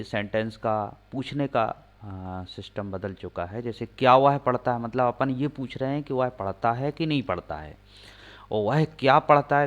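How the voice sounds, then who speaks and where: A man teaching English grammar, slowly spelling out example sentences word by word and asking questions he answers himself. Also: medium pitch. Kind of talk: classroom-style explaining lesson. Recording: slightly dull lo-fi recording.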